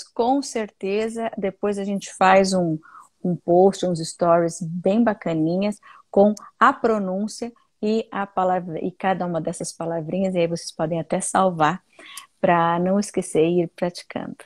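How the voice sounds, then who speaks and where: A Brazilian woman hosts a casual live English class, chatty and friendly with her viewers. Her voice sits in a middle pitch and sounds dry and close, with little room around it. She slips English words into her Portuguese. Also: dry recording. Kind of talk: casual live online lesson.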